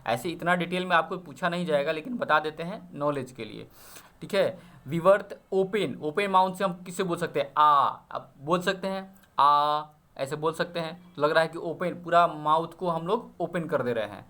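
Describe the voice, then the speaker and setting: High-voiced man teaching a grammar lesson. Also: normal speed, fairly bright tone. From Bihar. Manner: explains step by step, often checks with "ठीक है?". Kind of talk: exam-prep grammar lesson.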